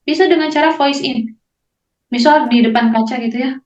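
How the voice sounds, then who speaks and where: A young Indonesian woman giving a calm, gently instructive talk on managing emotions, with many relaxed fillers. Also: high-pitched, moderate pace. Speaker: parenting speaker. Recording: echoey room, slightly dull sound.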